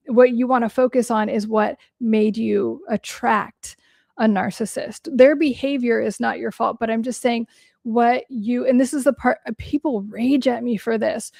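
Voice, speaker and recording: Answering viewers' questions on her livestream, a young woman therapist speaks bluntly and curses freely in a casual way, her voice cracking slightly from hours of talking. Her tone is high, gravelly and darkish, captured at studio quality without echo.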